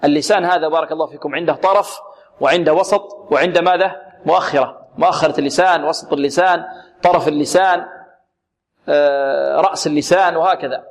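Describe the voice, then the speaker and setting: A man teaching Quran recitation rules on a radio program. He asks questions and answers them himself, and he demonstrates letters slowly with repetition. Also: on the high side. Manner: demonstrates sounds slowly and repeats words. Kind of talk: tajweed lesson on an Islamic radio program.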